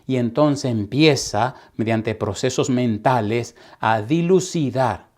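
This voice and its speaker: A man preaching as a pastor in Sabbath school, telling a story and acting out its dialogue, sometimes dropping to a hushed whisper. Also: medium pitch, slow. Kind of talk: Sabbath school Bible teaching.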